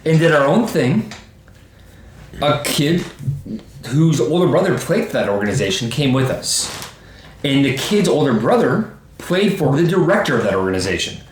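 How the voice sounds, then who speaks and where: A man in his thirties speaks in a lively, somewhat high voice that rises and falls a lot as he makes his points. He is a youth baseball coach co-hosting a casual podcast and often acts out what he would say. The sound is roomy and echoey, with a faint hiss underneath. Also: normal speed. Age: 30s. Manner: animated, emphatic, quoting himself in asides. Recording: roomy echo with faint background noise.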